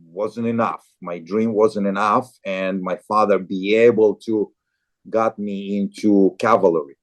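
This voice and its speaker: A man in his forties from Azerbaijan, a guest in an interview, speaking haltingly with many repeated and restarted words. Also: fairly low pitch, fairly even intonation. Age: 40s. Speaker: guest, farrier and show jumper. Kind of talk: casual interview talk.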